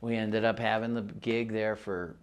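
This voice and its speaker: A man's voice: lowish voice, flat delivery, normal speed, clean tone. A man in his sixties who grew up between the US and Mexico, telling stories from the past in a rambling, casual way with frequent laughs and restarts. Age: 60s. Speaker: musician interviewee. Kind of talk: casual oral-history storytelling.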